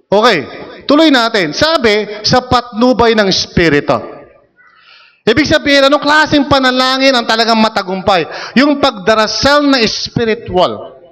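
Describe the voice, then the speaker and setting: A male pastor preaches in a high, bright voice that carries a long hall reverb. He keeps the sermon conversational, teasing the congregation and asking them questions. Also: normal speed. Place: church hall.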